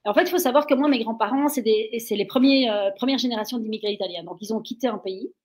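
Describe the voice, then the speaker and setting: A woman's voice: on the high side, fast talker. A woman from Belgium, a guest in an interview, telling stories with lots of energy and getting carried away as she talks. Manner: energetic, gets carried away when talking. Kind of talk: animated storytelling.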